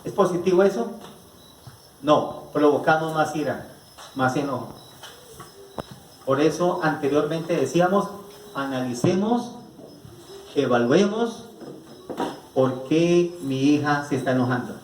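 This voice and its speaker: A man's voice: a little high, expressive, measured pace, long pauses, a little hiss or hum. Colombian man lecturing in an echoey hall. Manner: rhetorical, asks the audience questions, repeats "¿no es cierto?". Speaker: psychologist giving a family conference. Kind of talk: lecture to a live audience. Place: rural venue with an audience. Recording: echoey room picked up from a distance.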